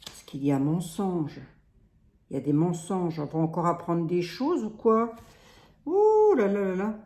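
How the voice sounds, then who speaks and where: A woman's voice: on the low side, animated, measured pace, warm tone, reverberant. A woman with a Lorraine accent reading tarot cards in a casual, rambling way, often restarting her sentences. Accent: Lorraine French. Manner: rambling, hesitant, full of restarts and "hein". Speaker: tarot reader. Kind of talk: casual card reading monologue.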